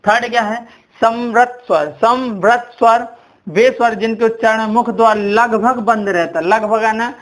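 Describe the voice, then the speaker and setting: A man teaching a grammar lesson, quizzing his listeners and repeating key points with "ठीक है". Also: sits high. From India. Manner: repetitive, quizzing with "ठीक है" and "कितने होते हैं?".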